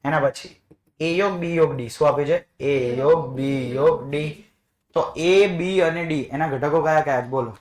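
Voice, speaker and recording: A man leads a math class, asking the same questions again and again to coax answers from his students. His voice sits a touch high for a man, and the classroom around him rings with echo. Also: a little slow. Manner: coaxing, repeats questions to students. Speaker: math teacher. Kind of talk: classroom lesson.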